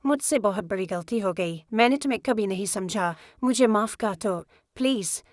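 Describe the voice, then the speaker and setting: A woman voicing a remorseful middle-aged husband who apologizes gently. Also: mid-range voice, animated, moderate pace, dry recording, studio quality, natural voice.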